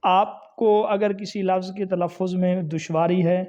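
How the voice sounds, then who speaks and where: Male Islamic studies teacher, high voice, methodical explainer, muffled online lesson audio. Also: steady tone, warm tone. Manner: methodical, spells out vowel marks.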